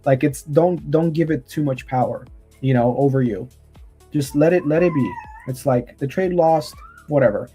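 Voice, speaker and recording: A man's voice: fairly high pitch, normal speed, dark tone, faint music behind. A man from Romania, a guest trader, gives earnest motivational advice in casual chat over a video call, often restarting his sentences.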